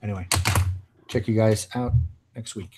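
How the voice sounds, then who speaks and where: A man's voice: on the low side, fairly even intonation, normal speed, noisy background. Easygoing man with a Chicago accent. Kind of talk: casual chat on a video call.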